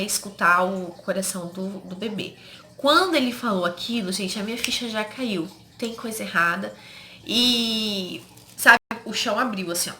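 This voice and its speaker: At home, a Brazilian woman vlogger tells viewers a personal story in a casual, emotional way, frequently addressing them as "gente" and quoting what others said. Her voice is fairly high, bright, and forceful, recorded in an echoey room with faint noise.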